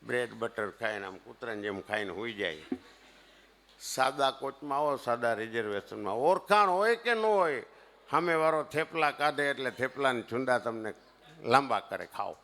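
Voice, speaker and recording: A man with a Kathiawadi Gujarati accent doing live comic storytelling on stage for a seated audience, swinging between loud punchlines and hushed asides. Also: medium pitch, lively intonation, moderate pace, vocal fry. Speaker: stage comedian.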